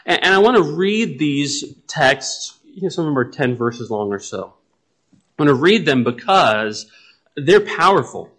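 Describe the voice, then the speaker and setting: A man's voice: on the high side, big pitch swings, measured pace, a bit bright. A man preaching a sermon, earnest and often stopping to repeat his words as he works through scripture. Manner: earnest, restarts and repeats words, dramatic paraphrase.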